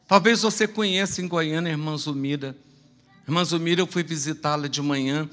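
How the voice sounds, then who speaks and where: A male pastor telling testimonies in a sermon, swinging from loud praise to hushed storytelling, in a church. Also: fairly high pitch, steady tone, brisk, soft background music. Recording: long church hall reverb.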